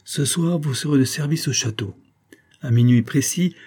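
A man's voice: mid-range voice, moderate pace, darkish tone, slightly rough, pitched above the performer's own voice. A man reading the part of a grave, brooding young officer who speaks earnestly and solemnly in an audiobook. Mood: somber. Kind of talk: audiobook character voice.

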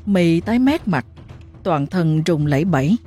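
A woman narrating a ghost story in a dramatic, expressive way. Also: lowish voice, measured pace, husky, soft background music.

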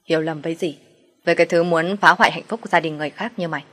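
A domineering older mother-in-law from an audio story, voiced by a woman narrator, sharp and contemptuous with a somewhat low voice. She scolds hard and bosses people around. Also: fairly even intonation, fairly quick, breathy edge. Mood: scolding.

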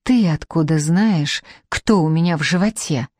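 A woman's voice: deep voice, a little slow, a little mellow, dry recording, clean studio sound. A woman reading a furious betrayed wife. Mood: anguished.

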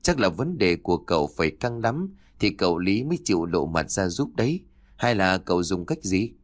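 A man voicing a nervous, gossipy middle-aged woman who keeps a tea stall, talking in a hushed, fretful way. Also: sits low, very animated, moderate pace, dry recording, studio quality.

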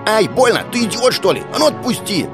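A man's voice: sits high, very animated, a little fast, over music, pitched above the performer's own voice. A man voicing a defiant, indignant sixteen-year-old girl caught stealing in an audiobook. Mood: indignant, shrill. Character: angry teenage girl thief, sixteen, defiant.

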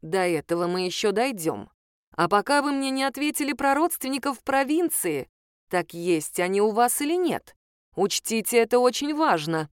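Woman doing a hushed, shrewd woman sleuth. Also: sing-song, moderate pace, clear, resonant tone, no echo, clean studio sound. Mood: conspiratorial. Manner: low, hushed and persuasive. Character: shrewd middle-aged woman sleuth, calm and conspiratorial.

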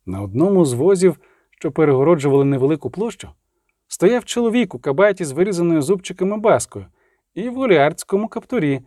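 A man reading an audiobook in expressive scripted narration. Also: on the high side, no room sound, clean studio sound.

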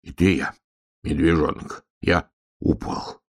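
A man voicing a timid, anxious young bear cub in a storybook reading, speaking softly and fretfully. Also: extremely low pitch, fairly even intonation, takes it slowly, creaky, slightly rough, exaggerated voice. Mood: worried.

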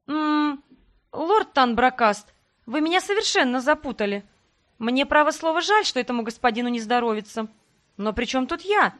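Icy, sharp-tongued young noblewoman in an audiobook, as the woman narrator voices her. Her politeness is cold and venomous. The voice sits somewhat high.

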